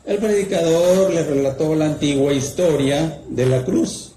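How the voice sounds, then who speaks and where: A man's voice: fairly high pitch, measured pace, dark tone. A man preaching a campfire sermon, telling a story and asking rhetorical questions. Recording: roomy echo, faint background noise.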